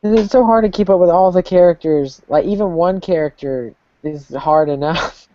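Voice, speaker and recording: A woman's voice: fairly low pitch, normal speed, muffled recording. A woman co-hosting a casual fan recap chat, laughing often as she talks. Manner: giggly, frequent laughter. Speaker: podcast co-host.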